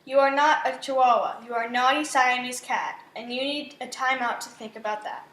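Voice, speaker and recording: A woman's voice: on the high side, steady tone, a little fast, sharp tone, recorded from a distance. A woman voicing an exasperated, scolding mother cat from a storybook. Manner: stern, emphatic. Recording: echoey room with faint noise.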